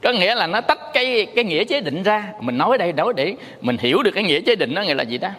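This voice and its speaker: A Buddhist monk teacher gives a dharma talk, telling stories and playfully singing tone syllables to make his point. His high-sitting voice is rapid-fire and a bit bright, with big pitch swings, and a long hall reverb surrounds it.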